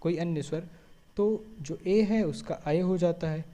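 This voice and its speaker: A man with a high-pitched, mellow voice teaches a board-style grammar lesson a little slowly. He explains step by step, often asks and answers his own questions, and uses frequent checking words.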